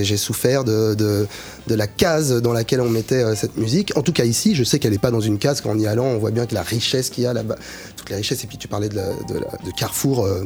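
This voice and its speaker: Halting male musician in an interview. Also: medium pitch, a little mellow. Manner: halting, searching, restarts phrases often. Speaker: musician guest. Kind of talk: casual interview talk.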